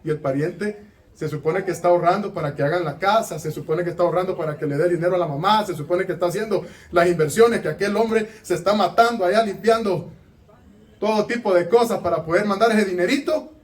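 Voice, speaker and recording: A male pastor with a Honduran Spanish accent preaching an animated, emphatic sermon with touches of humor. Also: sits high, fast, distant mic.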